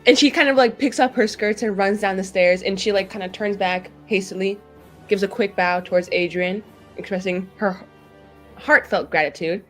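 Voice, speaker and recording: A woman plays on a tabletop roleplay show, chatting casually and playfully with the group in a theatrical, wordy, mock-pleading way. Her voice is medium-pitched at a moderate pace, with faint music in the background.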